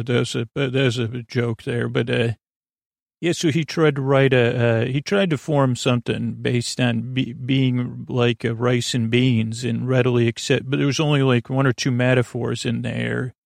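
A man with a gravelly, creaky, mid-range voice hosts a bedtime podcast meant to help listeners sleep. His monologue rambles and halts, trailing off and restarting thoughts, in a clean studio recording with no room sound.

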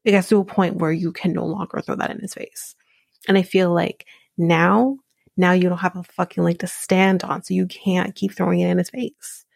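A woman's voice: fairly low pitch, level tone, moderate pace, creaky, a little mellow, no room sound. A young woman hosting a podcast, recapping a reality show in a casual, opinionated, chatty way, full of "like" and "um" and laughing at her own asides. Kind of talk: casual chat.

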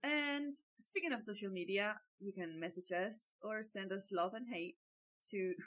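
A woman's voice: medium pitch, measured pace, fairly bright tone, poor audio. A woman co-hosting a podcast, wrapping up the episode in a breezy, chatty way with fillers and self-corrections. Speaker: podcast co-host. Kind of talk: casual chat, signing off the episode.

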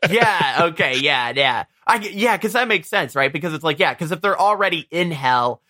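A man with a slightly higher, bright voice chats about a movie on a podcast. He hedges and restarts often, reaching for words as he goes. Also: expressive, moderate pace. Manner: hesitant, many fillers and restarts. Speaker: podcast co-host. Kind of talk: casual movie discussion.

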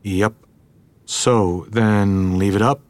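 A man's voice: on the low side, fairly even intonation, drawn-out words, a little mellow, no room sound. A man playing a laconic, slightly impatient husband in an audio drama, with wry, clipped replies.

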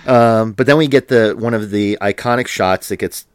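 A man co-hosting a podcast in casual chat, laughing often and filling pauses with ums and restarts. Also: fairly low pitch, a little hiss or hum. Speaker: podcast co-host.

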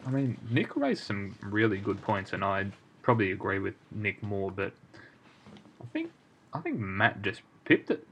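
A man's voice: lowish voice, huge pitch swings, normal speed, lo-fi sound, slight background noise. A man chatting casually as a panellist on a podcast. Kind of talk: casual chat.

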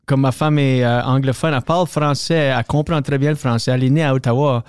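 A man from New Brunswick with an Acadian French accent, a comedian guest in relaxed casual chat on a podcast mic, dropping in English slang. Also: medium pitch, fast talker, smooth, dry recording, studio quality. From New Brunswick, Canada. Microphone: podcast microphone.

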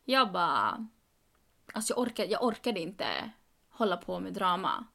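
A young woman tells a long story in casual podcast chat. She acts out what others said with rising emphasis, and her voice has a gravelly fry at a middle pitch. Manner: animated, quoting others with "jag bara" and rising emphasis. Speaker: podcast co-host.

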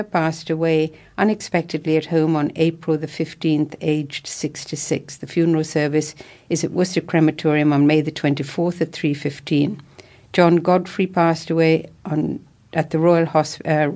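A woman with an English accent reads local newspaper notices from a script in a measured, solemn, orderly manner. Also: deep voice, a little mellow. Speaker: newsreader for a local talking newspaper. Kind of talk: scripted news reading.

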